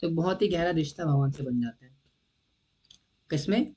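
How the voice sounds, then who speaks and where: A man with a fairly high voice delivers a devotional lecture. He talks conversationally, often clears his throat, and keeps checking whether his listeners are following. The recording is somewhat dull and lo-fi. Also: expressive, moderate pace, dark tone. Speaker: devotional teacher.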